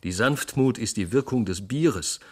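A man voicing a loud, hot-tempered older male office clerk who bellows and itches for a fight. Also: mid-range voice, expressive, measured pace, breathy edge. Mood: boisterous. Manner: bellowing, pugnacious.

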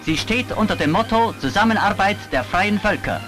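A man's voice: sits high, animated, moderate pace, a bit bright, faint music behind. A man announcing in an old newsreel, with a formal, ceremonious narration style. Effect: old newsreel soundtrack.

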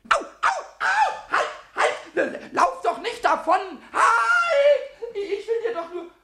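A woman voicing a mischievous little male kobold in a radio play, husky, giggly and stammering, swinging between whispers and squeals. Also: a little high, very animated, normal speed, exaggerated voice. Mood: excited.

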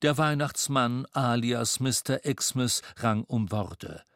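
A man narrating a storybook in a lively, expressive reading. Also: medium pitch, slow pace, no echo, studio quality. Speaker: audiobook narrator.

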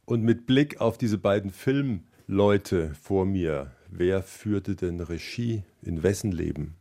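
A man's voice: deep voice, takes it slowly, mellow. A man hosting a radio interview, asking polished questions and reading scripted links from a studio.

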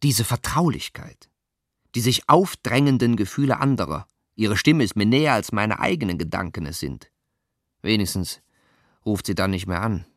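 A cold, detached man speaks in a measured, formal way in a radio play. His voice sits low but moves around a lot, and the recording is dry and close. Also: lively intonation, dry recording.

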